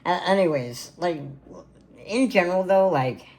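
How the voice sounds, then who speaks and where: A man's voice: high voice, animated, a little slow, darkish tone. 20s dude rambling to his cam from his gaming room, lots of um and like, super casual. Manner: rambling, filler-heavy, casual slang. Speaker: content creator. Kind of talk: casual birthday vlog to camera. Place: home gaming room, indoors.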